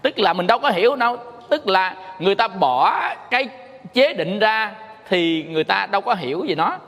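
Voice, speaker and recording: A man's voice: sits high, animated, a little fast, a bit bright. A Buddhist monk teacher giving a dharma talk, telling stories and playfully singing the tone syllables to make his point. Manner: storytelling, sings tone syllables playfully. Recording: long hall reverb.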